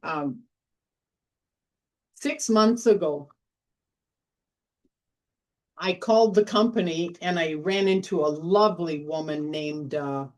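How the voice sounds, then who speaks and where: A woman's voice: deep voice, takes it slowly, long pauses. A middle-aged woman hosting an informal sales workshop, telling stories in a chatty way and repeating phrases for emphasis. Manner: chatty, storytelling, emphatic repetition. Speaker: workshop host.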